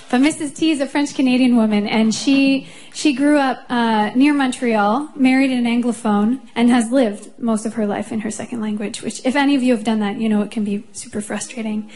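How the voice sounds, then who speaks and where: A woman's voice: on the high side, steady tone, normal speed, a little mellow. A woman singer introducing her song on stage with a personal story, chatty and chuckling. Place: concert stage.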